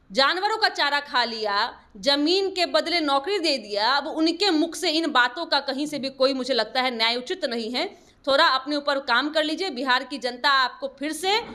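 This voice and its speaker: A woman's voice: high-pitched, pushed and bright. A woman party spokesperson answering interview questions in a combative way, rebutting her opponents and lecturing them.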